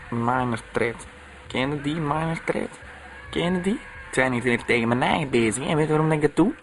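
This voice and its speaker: Gruff rambling Flemish radio host. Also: male voice, mid-range voice, fairly bright tone, a little hiss or hum. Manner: repetitive, tacks "hè" onto lines, gruff dialect. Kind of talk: rambling comic radio monologue.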